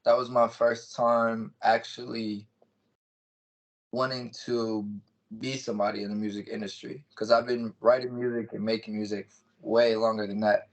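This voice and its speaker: This music artist, a man in his twenties, has a fairly low voice with a level tone and moderate pace. As an interview guest he chats casually and explains things simply, and the call audio is dull and lo-fi.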